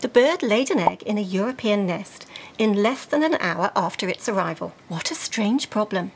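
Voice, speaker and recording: A woman reading a scripted story narration in a lively, sing-song way. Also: medium pitch, normal speed, slight background noise. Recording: music under the narration.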